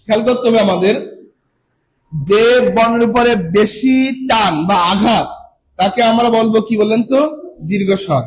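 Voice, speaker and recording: This coaching teacher gives a classroom lecture in a high-sitting voice at a moderate pace, pausing often. He keeps posing questions to his students and answering them himself, drawing out key words for emphasis, all on a rough recording.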